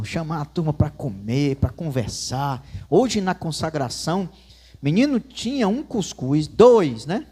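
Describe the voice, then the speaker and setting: A Northeastern Brazilian man preaching a sermon in church, his voice sitting high. He tells stories with folksy asides, and his pitch leaps around with animated energy. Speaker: pastor.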